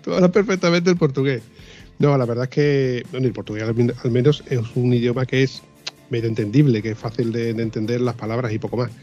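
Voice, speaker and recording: A man's voice: mid-range voice, fairly even intonation, fast, mellow, muffled recording, soft background music. A man co-hosting a casual chat, asking long rambling questions. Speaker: co-host.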